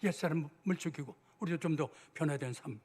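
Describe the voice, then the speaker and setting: An older man delivers a sermon in a church. His voice sits high for a man and has a husky, breathy grain. He tells the scripture stories by voicing the dialogue in a casual, talking tone. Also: brisk, a little mellow. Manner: acts out biblical dialogue in conversational asides. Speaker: senior pastor. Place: church sanctuary.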